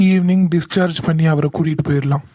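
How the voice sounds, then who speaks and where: An actor voicing a kind young male village doctor in an animated drama, speaking calmly and patiently. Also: a little high, fast, close to an everyday voice. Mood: kind, earnest. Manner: calm, patient, explains steadily. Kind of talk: animated cartoon voice acting.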